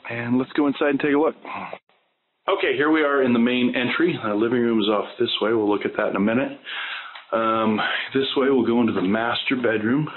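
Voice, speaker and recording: A man's voice: mid-range voice, gravelly, breathy edge. A man giving a walkthrough tour of a house and its grounds as a real estate agent, talking unhurriedly and plainly with many fillers. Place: walking through a house and its grounds. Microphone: handheld camera mic. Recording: thin phone-like sound with faint noise.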